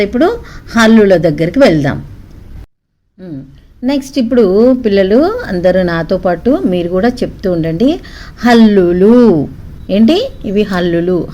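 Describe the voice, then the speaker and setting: A woman teaching children the alphabet, saying each letter slowly and asking them to repeat it back. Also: mid-range voice, expressive, darkish tone. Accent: Telugu. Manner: slow, syllable-by-syllable call-and-response.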